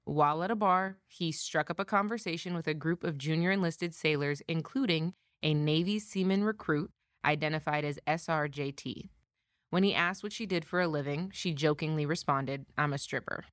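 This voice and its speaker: American female legal presenter, lower-pitched, scripted case summary, dry close recording. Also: normal speed, no room sound. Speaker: podcast co-presenter, military lawyer.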